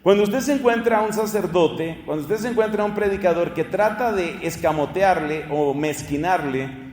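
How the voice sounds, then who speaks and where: A male preacher gives an earnest teaching sermon, asking rhetorical questions and spelling out names letter by letter. His voice sits high for a man. It rings through an echoey space with a long reverb tail. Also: moderate pace, darkish tone. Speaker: priest preacher.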